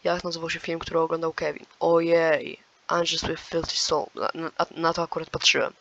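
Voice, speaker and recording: A fairly high, gravelly male voice with a sharp, bright edge. He reads quiz questions aloud in a casual commentary, then muses over his answers. The sound comes through a dull, lo-fi mic. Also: flat delivery, fairly quick. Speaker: gaming channel host.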